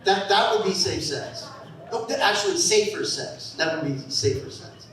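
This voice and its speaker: High-voiced comedian in an echoey club. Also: male voice, animated, normal speed. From San Francisco Bay Area. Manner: rambling storytelling with bursts of shouted character voices. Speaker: stand-up comedian. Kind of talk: stand-up set. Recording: echoey club sound from a distant mic.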